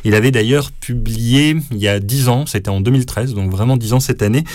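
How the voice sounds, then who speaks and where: A man, a radio columnist who presents animation books in a measured way. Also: medium pitch, darkish tone, no echo, studio quality. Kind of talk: radio book review.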